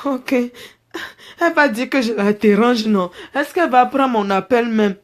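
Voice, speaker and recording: A woman's voice: fairly high pitch, a little slow. A woman vlogger doing a comic parody monologue, theatrically wailing, mock sobbing and pleading down the phone. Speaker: comedy vlogger. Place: her bedroom.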